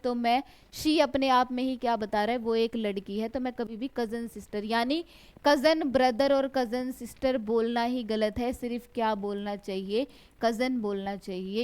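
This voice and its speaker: A woman teaches English grammar in a fairly high voice. She asks a question and then answers it herself, drawing each example word out slowly. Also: a little mellow. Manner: stretches out example words slowly. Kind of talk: classroom lecture.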